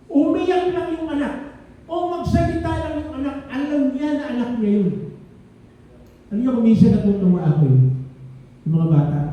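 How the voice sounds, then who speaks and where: A man's voice: very high-pitched, muffled recording. An older man, a grandfather, preaching a sermon in a conversational way, often checking in with the congregation. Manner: conversational preaching with frequent "No?" asides. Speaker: pastor. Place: church hall. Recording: echoey room from a distance.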